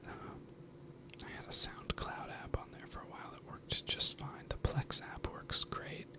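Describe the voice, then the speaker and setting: A man whispers right up at the ear in a casual ASMR ramble. His voice is unvoiced and hushed throughout, close-miked as he talks in an informal, wandering way. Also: measured pace. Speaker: ASMR video creator. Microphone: close binaural mic, ear to ear.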